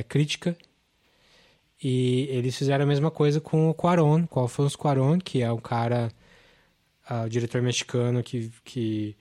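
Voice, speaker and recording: A man's voice: medium pitch, dark tone. A man, hosting a casual film podcast and talking enthusiastically with lots of fillers. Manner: enthusiastic, rambling, many fillers. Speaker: podcast host.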